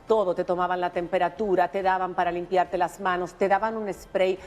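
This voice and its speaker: A woman's voice: fairly low pitch, level tone, a little fast, darkish tone. Dominican woman host, reverberant room. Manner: emphatic, insistent. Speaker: talk show host. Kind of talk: opinionated news commentary.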